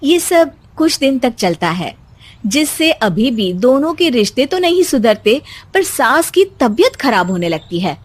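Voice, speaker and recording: High-voiced Indian woman narrating a story. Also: big pitch swings, unhurried.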